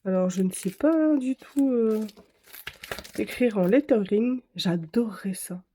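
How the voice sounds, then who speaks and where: Chatty woman with a mellow voice. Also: medium pitch, unhurried, slight background noise. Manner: chatty, rambling with self-corrections and fillers. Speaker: craft vlogger. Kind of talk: casual chat to camera.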